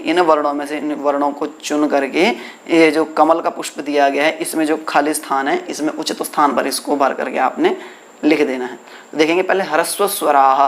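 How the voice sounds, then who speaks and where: A man teaching a Sanskrit lesson in Hindi, asking his students questions and answering them himself, drawing out the letters slowly. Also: on the high side. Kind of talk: classroom lesson explaining exercises.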